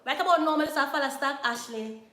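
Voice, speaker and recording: High-voiced Jamaican woman chatting. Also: quick pace, a bit bright, reverberant, slight background noise. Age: young adult. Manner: chatty, drifting between patois and English. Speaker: YouTuber. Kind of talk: casual chat to viewers.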